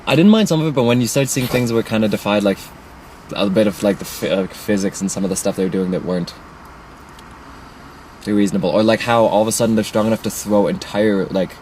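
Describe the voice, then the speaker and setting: Opinionated man with a low voice. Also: darkish tone, slight background noise, poor audio. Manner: opinionated, halting with many "like" fillers. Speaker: movie reviewer. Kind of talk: casual chat.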